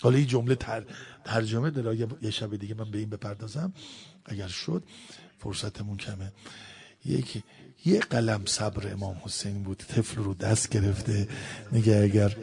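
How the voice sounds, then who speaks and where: A man preaching a sermon that builds into a mourning recital, swinging from hushed asides to loud, impassioned preaching. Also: on the low side, creaky.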